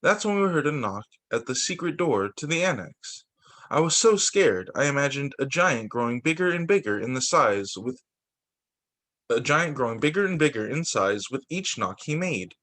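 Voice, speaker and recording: With a mid-range, fairly bright voice, a man reads a children's book to a story-time audience in a teacher's role. He stumbles now and then, repeats phrases, and adds offhand remarks.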